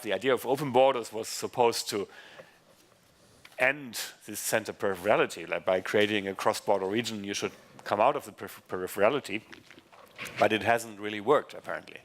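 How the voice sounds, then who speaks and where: A man panelist making a reflective point in a discussion, with some hesitation. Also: on the low side.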